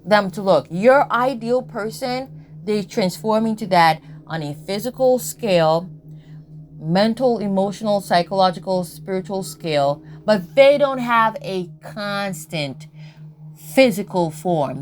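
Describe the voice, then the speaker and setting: A woman's voice: mid-range voice, a little hiss or hum. Blunt, emphatic woman ranting casually. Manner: blunt, emphatic, repeats "Okay?", swears freely. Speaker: tarot and astrology content creator. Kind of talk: casual spiritual commentary monologue.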